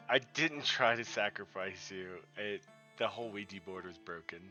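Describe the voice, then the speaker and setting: A man's voice: normal speed, sharp tone, soft background music. A man streaming a ghost-hunting game, bantering and joking with friends in casual chat. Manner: joking, low-key banter.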